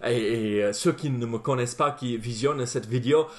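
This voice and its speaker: A man's voice: medium pitch, brisk. A man preaching a sermon as pastor, speaking with frequent hesitations, fillers and restarts. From not France. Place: church.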